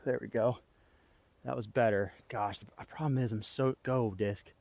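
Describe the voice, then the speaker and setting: Young male vlogger outdoors, casual play-by-play, out of breath, jumps to excited yelps at his throws, mid-pitch voice. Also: normal speed, gravelly, no room sound. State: winded and tired. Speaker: disc golf vlogger. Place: outdoor disc golf course.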